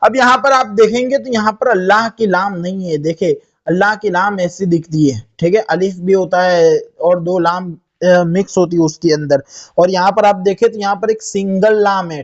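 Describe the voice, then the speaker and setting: A young man with a high-pitched voice, its highs cut off, teaches Quran reading through a tajweed spelling lesson. He spells out letters and vowel marks slowly one at a time, then reads the word drawn out, posing questions he answers himself and often saying "theek hai."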